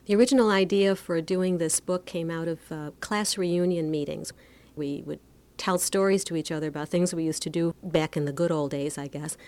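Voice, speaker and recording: A woman speaking casually and reflectively about her book, halting now and then with fillers. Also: fairly low pitch, fairly even intonation, a little mellow. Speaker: book author. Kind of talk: casual interview talk.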